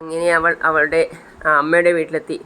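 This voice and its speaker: A man's voice: a little high, monotone, a little fast, bright, forceful tone, smooth, low-quality recording. A man retelling a TV serial episode in plain storytelling, reading the characters' lines in his own voice. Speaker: serial recap vlogger.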